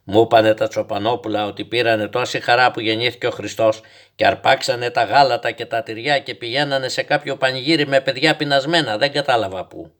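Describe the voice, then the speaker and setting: A man voicing a fanciful, stubborn old grandfather who calmly tells a child tall tales in a storybook reading. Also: mid-range voice, lightly acted. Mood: patient. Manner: calm, gently instructive, tall-tale telling.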